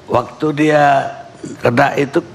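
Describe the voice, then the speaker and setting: A man's voice: mid-range voice, steady tone, takes it slowly, a little hiss or hum. Brief-questioning Indonesian male interviewer. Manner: short prompting questions. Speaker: talk show interviewer.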